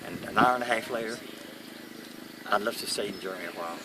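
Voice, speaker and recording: An elderly man with a Kentucky accent recalling war service in a plain-spoken, halting interview style. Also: lowish voice. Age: elderly, 80s or older. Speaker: World War II veteran being interviewed. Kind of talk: first-hand war recollection. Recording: noisy, distant mic, vehicle-like background noise.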